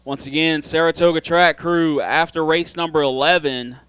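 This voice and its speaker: A man's voice: on the high side, steady tone, moderate pace, fairly bright tone, clear, resonant tone, no room sound. A man doing live trackside race announcing, talking to drivers in an informal, folksy way.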